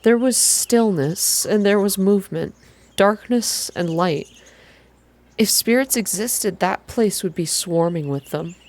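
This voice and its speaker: A woman with a medium-pitched voice reads first-person fiction aloud in a soft ASMR style, telling the story in a deliberate, expressive way.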